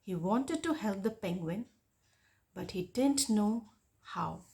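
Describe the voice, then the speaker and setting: A young girl of about ten reads a storybook aloud as a young book reviewer. She goes slowly and deliberately, with a lively, swooping pitch that gives the narration plenty of expression. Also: gravelly. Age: child, about 10. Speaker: young booktuber reading a picture book aloud.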